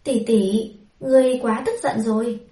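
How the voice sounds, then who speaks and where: A woman voicing a scheming imperial consort who talks softly and sweetly, in a roomy, distant recording. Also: fairly high pitch, steady tone, moderate pace, natural voice. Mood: honeyed. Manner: soft-spoken, sweetly persuasive.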